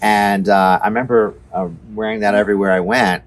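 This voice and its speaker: Low-voiced middle-aged man, rambling host. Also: fairly even intonation, fairly quick. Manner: rambling, enthusiastic, many fillers. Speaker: show host. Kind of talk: casual chat about metal music. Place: on a city street at night.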